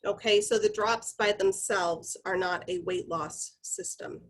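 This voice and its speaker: A woman's voice: mid-range voice, fairly even intonation, measured pace. A woman giving an informal corporate training presentation, explaining guidelines in a conversational, instructive way and addressing her group directly.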